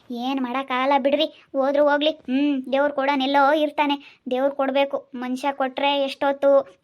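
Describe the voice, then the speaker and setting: A woman playing a high-voiced, resigned village wife. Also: highs cut off, close to an everyday voice. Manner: soothing yet resigned, repeats rhetorical questions. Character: worried village wife consoling her relative. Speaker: actor in a village family drama. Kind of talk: amateur family drama acting.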